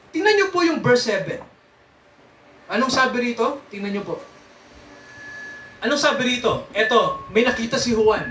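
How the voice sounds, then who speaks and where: Male preacher, high bright voice, chatty teaching style, roomy distant recording. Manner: asks the congregation questions, frequent "no?" and "sir"; chuckles often while teaching. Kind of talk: interactive Bible teaching. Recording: echoey room, mic at a distance.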